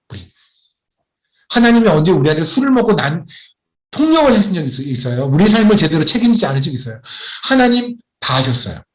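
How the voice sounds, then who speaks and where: A man preaching a sermon as a missionary, telling a personal story and asking emphatic questions. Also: on the high side.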